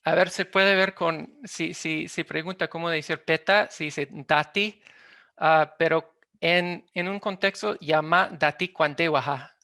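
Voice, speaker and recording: Halting man with a gravelly, bright voice. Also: on the high side, fairly even intonation, no room sound, clean studio sound. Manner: halting, often searches for words. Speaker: linguistics presenter. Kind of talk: academic presentation.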